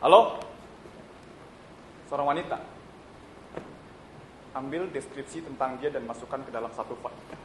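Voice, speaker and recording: A man's voice: medium pitch, measured pace, pauses often, noisy background, lightly acted. An actor playing a cheerful male city official on a theatre stage, breezy and reassuring with a bureaucratic air. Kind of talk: stage play acting. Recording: roomy live stage recording.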